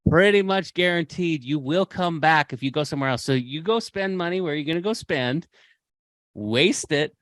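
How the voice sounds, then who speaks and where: A man's voice: fairly high pitch, animated, normal speed, a bit bright, no echo. A man hosting a podcast, speaking with impassioned, preachy conviction and repeating phrases for emphasis. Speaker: podcast host. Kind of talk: motivational podcast talk.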